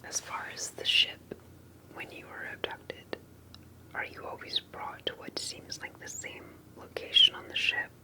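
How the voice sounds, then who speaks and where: Whispering breathily throughout, a woman acts out an ASMR interview, her questions soft and tentative and separated by pauses. Audio quality is poor.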